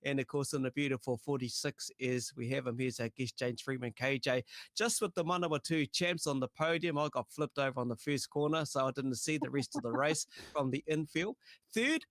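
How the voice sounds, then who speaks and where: A man with a broad Kiwi accent presents casually, like chatting with mates. His voice sits at a middling pitch, recorded dry and close, with plenty of slang. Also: brisk, a bit bright, dry recording. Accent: New Zealand. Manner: matey, slangy. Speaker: motorsport show host.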